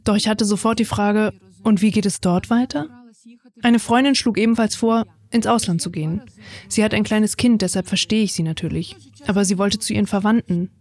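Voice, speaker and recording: Woman in her twenties, calm reflective reading. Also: mid-range voice, brisk. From Ukraine. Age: 20s. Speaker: narrator of her own story. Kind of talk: read first-person testimony.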